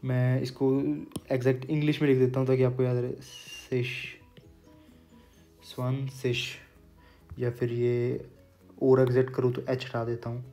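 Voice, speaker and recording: Patient man teaching pronunciation, flat voice. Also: mid-range voice, soft background music. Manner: patient, repeats words slowly for pronunciation. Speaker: German language teacher. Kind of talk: explaining lesson while writing on a board.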